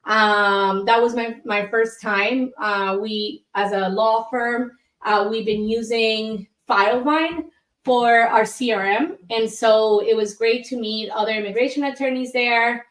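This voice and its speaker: A woman's voice: fairly high pitch, steady tone, measured pace, a bit bright, echoey room. A woman from Colombia, an immigration attorney, talking candidly as a guest in an interview with frequent fillers. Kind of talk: casual interview.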